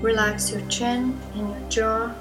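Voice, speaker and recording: A woman hypnotist slowly guiding a listener through a relaxation induction in a soft, soothing manner. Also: on the high side, flat delivery. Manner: soft, slow, soothing instructions. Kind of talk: slow guided hypnosis induction. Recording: music bed behind the voice. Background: new-age music.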